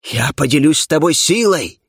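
A man voicing an arrogant, hissing female darkness in an audiobook, speaking in a slow, drawn-out, imperious way. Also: medium pitch, lively intonation, gravelly, husky, no room sound, studio quality, heavily acted. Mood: coaxing. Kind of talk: audiobook character reading.

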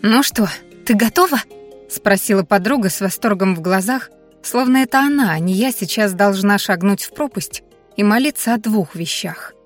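A woman reading an audiobook aloud, giving the characters' lines a lively lift. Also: medium pitch, moderate pace, faint music behind. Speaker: audiobook narrator. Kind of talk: scripted audiobook narration.

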